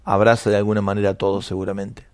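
Male Argentine interviewer, lower-middle pitch, dry studio-close sound, conversational and affirming. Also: flat delivery, rapid-fire, darkish tone, smooth, no echo. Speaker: radio host, interviewer.

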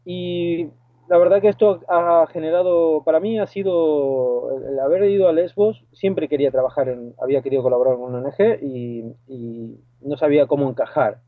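Speaking at a moderate pace in a voice on the high side, an Argentine man with an Argentine Spanish accent is interviewed by phone. He is a lifeguard and boat skipper appearing as a guest, and he talks hesitantly with many fillers and restarts. The tinny call has no room sound.

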